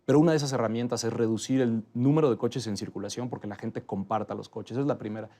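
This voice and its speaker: A man, a guest in an interview, explaining transport policy in a steady, methodical way. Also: mid-range voice, fast talker. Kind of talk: interview answers.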